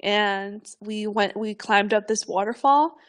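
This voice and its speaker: A young woman co-hosting a podcast, telling stories in a lively, animated way, laughing often and swearing freely. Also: medium pitch, unhurried. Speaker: podcast co-host. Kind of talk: casual podcast chat.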